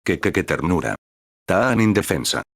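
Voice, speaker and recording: A proud, pompous teenage boy talks in a haughty, stiff way, as a man reads his lines. His voice is deep and the recording is dry. It is part of a read-aloud story. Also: expressive, normal speed, no echo. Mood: haughty, annoyed.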